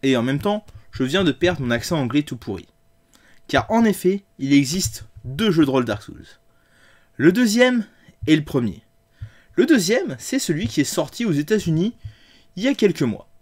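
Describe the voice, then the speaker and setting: A man's voice: a little high, sing-song, normal speed. A man hosting a tabletop game review show, talking in a sarcastic, crude and theatrical monologue.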